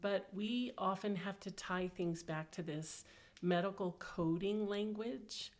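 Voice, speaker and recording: A woman's voice: medium pitch, takes it slowly. A woman, an occupational therapist co-hosting a podcast, talking in long, reflective, winding sentences. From United States. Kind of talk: casual podcast discussion.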